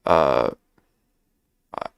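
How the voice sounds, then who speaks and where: A man hosting a casual reaction livestream, rambling loosely and tagging nearly every phrase with "okay?". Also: drawn-out words.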